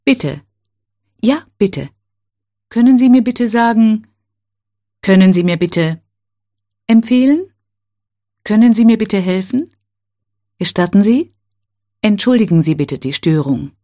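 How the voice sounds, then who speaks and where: Female teacher, mellow voice, unhurried drill reading with careful gaps between phrases. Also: medium pitch, animated. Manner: slow, careful, clearly spaced phrases. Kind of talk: reading set phrases for learners.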